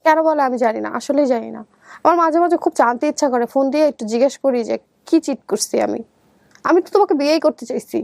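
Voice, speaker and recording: A young woman with a Bangladeshi accent shares her personal story in an interview, chatting conversationally and often acting out what people said to her. She talks fast in a high, darkish voice with vocal fry, and there's no echo.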